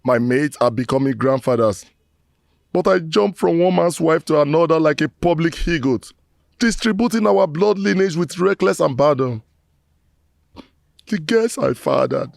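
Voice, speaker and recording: A man's voice: fairly high pitch, creaky, no room sound, studio quality, exaggerated voice. A man playing a remorseful middle-aged man who solemnly pleads with his ancestors in proverb-laden prayer.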